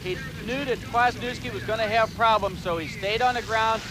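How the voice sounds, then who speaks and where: A man giving color commentary on monster truck races, with excitable, folksy analysis. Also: high voice, moderate pace. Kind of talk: sports commentary.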